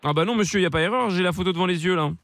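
Man, prank caller, indignant and pompous, fast, high, dry. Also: a bit bright. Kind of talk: comic prank call.

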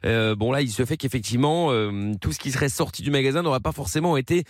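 Fast, hesitant man on a prank call. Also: mid-range voice, dry recording, clean studio sound. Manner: hesitant, full of fillers and restarts. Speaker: prank call host posing as store manager.

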